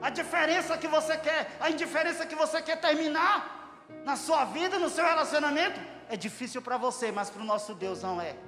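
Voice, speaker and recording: A man preaching an impassioned sermon, bursting into shouted praise. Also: very high voice, a little fast. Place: church hall. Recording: echoey church hall with music.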